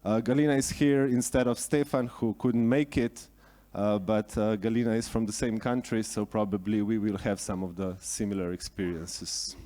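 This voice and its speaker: A man from Slovenia moderating a conference panel in a relaxed, informal way, with frequent fillers. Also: lowish voice, normal speed. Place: conference stage.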